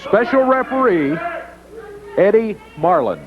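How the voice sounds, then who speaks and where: A man's voice: sits high, big pitch swings, slow, crowd noise. A man interviewing a wrestler for television, stumbling as he reads out the match rules, on a muffled old tape. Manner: stumbling over his reading, needling. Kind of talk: broadcast interview. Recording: muffled 1980s TV tape with music.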